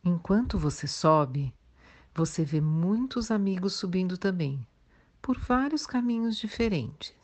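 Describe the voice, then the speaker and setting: A Brazilian woman leading a guided meditation in a soothing, gentle way, leaving long pauses. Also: on the low side, lively intonation. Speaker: guided meditation instructor for children and teenagers.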